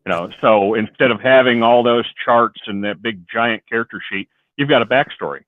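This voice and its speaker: A man's voice: medium pitch, normal speed, no room sound. A man in a casual chat, rambling a bit as he explains tabletop rules through worked examples. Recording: tinny phone-like line, dry.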